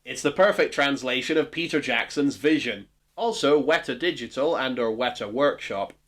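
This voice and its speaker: A man's voice: mid-range voice, moderate pace, a bit bright. Chatty man hosting. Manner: eager, chatty, laughs often with many fillers. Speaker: host. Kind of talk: friendly narration and casual video call. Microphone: video call.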